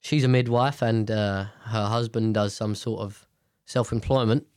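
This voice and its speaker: A man's voice: lowish voice, fairly even intonation, measured pace, darkish tone, clean tone, dry recording, studio quality. A British man hosting a casual, rambling commentary on the news in a nasal voice, congested from a sinus infection, blunt and sweary. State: blocked nose from sinus infection. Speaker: host.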